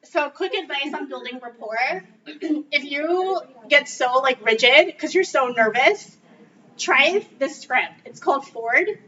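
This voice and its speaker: Coaching a group in a meeting room, a woman real estate trainer keeps things upbeat and casual. Her voice is high-pitched, expressive, slow, and sharp in tone, picked up by a distant, dull mic with faint background noise.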